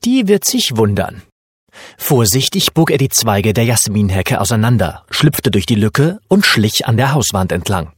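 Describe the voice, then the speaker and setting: A man narrating a children's story as an audiobook in a lively storytelling manner. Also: on the low side, moderate pace, hardly any pauses, breathy edge, no echo, clean studio sound.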